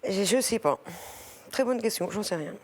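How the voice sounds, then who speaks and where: A shy woman speaking as a talk show guest, halting and filling her pauses with hesitations. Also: mid-range voice, lively intonation, darkish tone. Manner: shy, halting, many fillers. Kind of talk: hesitant personal testimony.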